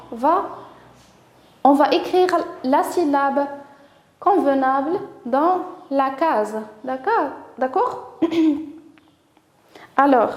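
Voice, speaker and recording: A woman with a Moroccan accent teaching a lesson to young children, speaking slowly and clearly, encouraging them and sounding out each syllable. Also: high voice, roomy sound. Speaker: primary school teacher.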